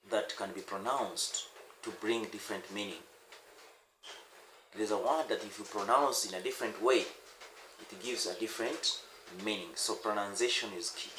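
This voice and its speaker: In an echoey room with a faint background noise, a language teacher who speaks Swahili gives an informal lesson to camera. His voice is on the low side with a sharp edge, and he speaks unscripted, often repeating words and saying "uh."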